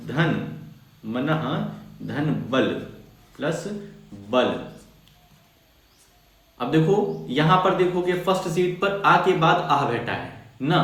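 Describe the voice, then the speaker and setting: A man's voice: fairly high pitch, fairly bright tone, very echoey. A man teaching a grammar lesson to schoolchildren, repeating key points and putting questions to the class.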